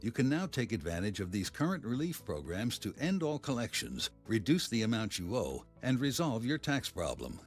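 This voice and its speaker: A man's voice: mid-range voice, sing-song, normal speed, few pauses. A man reading a scripted advertisement in the style of an urgent public notice. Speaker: commercial announcer. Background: music.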